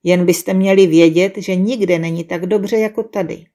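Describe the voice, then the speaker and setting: A woman's voice: lowish voice, fairly even intonation, dark tone, lightly acted. A woman voicing a proud male condor who gives a solemn warning in a storybook tale.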